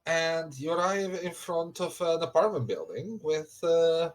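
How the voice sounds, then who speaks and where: A man narrating a tabletop game as game master, improvising haltingly and searching for words. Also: fairly high pitch, expressive.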